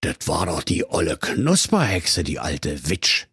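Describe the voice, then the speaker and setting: A man's voice: extremely low pitch, wildly swooping pitch, measured pace, fairly bright tone, slightly rough, dry recording, clean studio sound, voice pushed down, heavily acted. A man voicing a cocky, bossy teenage male wolf with a thick Berlin dialect and brash slang.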